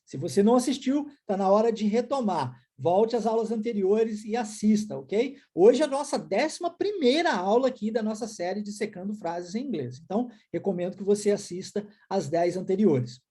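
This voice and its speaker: Brazilian man, English teacher, warm husky voice, energetic drilling delivery. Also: sits high. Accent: Brazilian Portuguese. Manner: energetic, repeats words slowly for drilling. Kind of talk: online language lesson.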